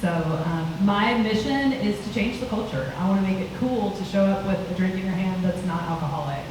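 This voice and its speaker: A woman's voice: mid-range voice, brisk. A woman introducing her shop on a panel, casual and earnest. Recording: very echoey room, distant mic, noisy.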